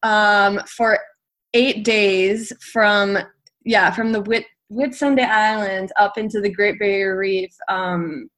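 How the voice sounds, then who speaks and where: A woman's voice: medium pitch, slow. Rambling young woman telling a story. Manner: rambling, full of "like" and "um", lively. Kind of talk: casual storytelling in conversation.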